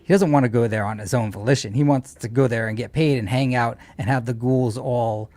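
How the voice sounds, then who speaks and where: On a livestream, a recurring guest or co-host trades casual, opinionated banter and likes to tease. His medium-pitched, slightly mellow voice holds a steady tone at a slightly quick pace, with no room sound at all.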